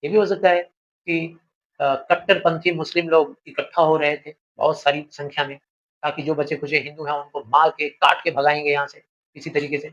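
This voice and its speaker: A male teacher walks students through a story, paraphrasing each line and checking they follow with rhetorical questions. His voice sits a little higher than most men's, and the recording sounds somewhat dull. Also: level tone, normal speed, fairly bright tone. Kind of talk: explaining a literature lesson.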